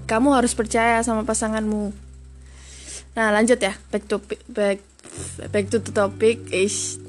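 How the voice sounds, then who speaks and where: A young woman chatting casually through a personal story, retelling it lively and slipping English phrases in. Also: on the high side. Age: young adult.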